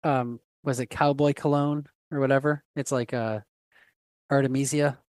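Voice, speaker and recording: A man's voice: mid-range voice, level tone, moderate pace, darkish tone, dry recording, clean studio sound. A man hosting a podcast in casual chat, full of fillers and repeated words. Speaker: podcast host.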